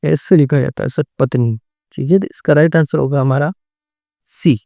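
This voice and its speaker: A man's voice: fairly high pitch, steady tone, moderate pace, gravelly, dark tone, no echo, studio quality. A man teaching a Hindi exam-prep class, going through multiple-choice answers and often repeating words and answers. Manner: repeats words and answers, often says "theek hai" and "right".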